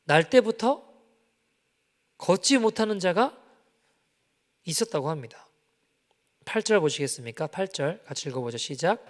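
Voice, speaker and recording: A male pastor preaching a sermon, telling a story and acting out its dialogue, moving between soft and loud passages. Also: fairly high pitch, moderate pace, long pauses. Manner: animated, acts out quoted dialogue, swings from soft to loud. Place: church sanctuary. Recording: long church-hall reverb.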